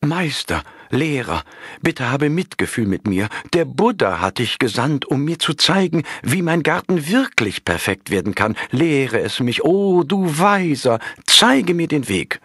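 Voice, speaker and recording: A man's voice: fairly high pitch, sing-song, measured pace, a bit bright, husky, dry recording, clean studio sound, voice pushed up, full character voice. A man voicing an anxious young male monk, a perfectionist who pleads and stammers. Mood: flehend.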